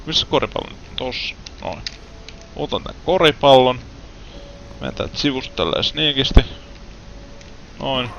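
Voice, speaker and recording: A man's voice: medium pitch, lively intonation, vocal fry, pauses often, a bit bright, muffled recording, slight background noise. A young Finnish man giving casual gameplay commentary, with frustrated outbursts and English words mixed in. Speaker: gaming let's player.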